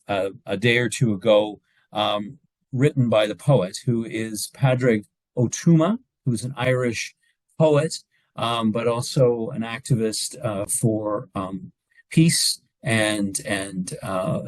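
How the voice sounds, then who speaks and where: Man, minister, unhurried, halting delivery, poem reading and prayer over a video call, dry close sound. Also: fairly low pitch, no room sound, poor audio. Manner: hesitant, many ums before the reading. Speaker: pastoral relations minister.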